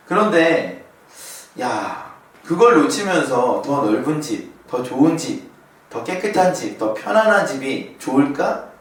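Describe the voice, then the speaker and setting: Pastor preaching in an echoing hall. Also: male voice, a little high. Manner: personal storytelling, asking the congregation questions. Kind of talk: sermon. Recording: very echoey hall, voice from far off.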